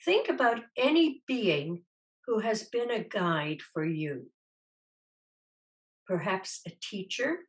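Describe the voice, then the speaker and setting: Unhurried and calm, a female teacher leads a guided meditation, her gentle instructions separated by long pauses. She speaks at a medium pitch.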